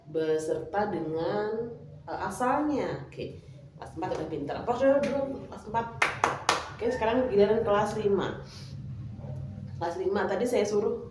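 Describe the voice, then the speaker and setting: A woman's voice: mid-range voice, noisy background. Echoey classroom teacher woman. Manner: coaxing, prompting pupils with questions. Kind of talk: classroom lesson. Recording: echoey room, mic far off.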